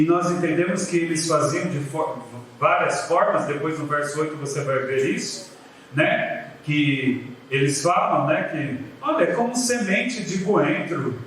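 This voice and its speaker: A man with a Brazilian accent who is a pastor preaching a lively sermon, acting out biblical voices and calling the people "queridos". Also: fairly high pitch, a little hiss or hum. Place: church sanctuary. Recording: very echoey church hall from a distance.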